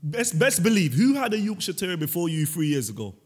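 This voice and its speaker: A man hosting a casual comedic podcast chat, teasing his guest and telling animated stories. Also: sits high, a little fast, husky. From Senegal. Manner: playful, teasing, animated storytelling. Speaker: podcast host. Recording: roomy long reverb.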